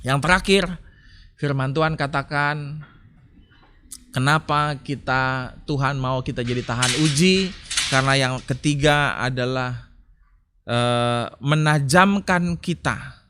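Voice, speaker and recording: A man's voice: mid-range voice, slow, long pauses, smooth. A middle-aged man who is a pastor, preaching a sermon and telling personal stories to the congregation. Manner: storytelling, animated when telling anecdotes; addresses congregation as Bapak Ibu.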